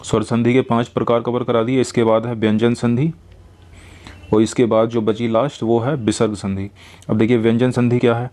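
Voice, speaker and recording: A male teacher walks through grammar rules one example at a time. He says each rule twice, patiently, and often pauses to check that it has sunk in. His voice sits at an ordinary middle pitch. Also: level tone, darkish tone. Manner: explains slowly, repeats each rule. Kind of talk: grammar lesson.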